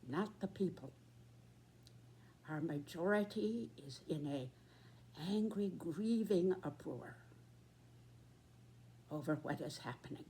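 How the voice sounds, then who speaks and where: A woman in her nineties giving a reflective, earnest address in short, halting phrases. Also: sits low, warm tone, slight background noise. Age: 90s. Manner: very old person's slow, halting delivery in short phrases.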